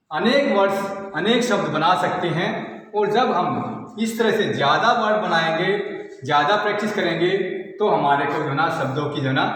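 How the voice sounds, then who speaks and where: A man's voice: high-pitched, fairly bright tone. A man giving a patient classroom lesson and explaining step by step with repeated examples. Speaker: teacher. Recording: echoey hall, voice from far off.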